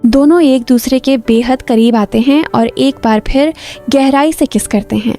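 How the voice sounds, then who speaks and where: Higher, mellow-voiced woman narrating a story. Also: unhurried, soft background music. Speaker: drama recap narrator.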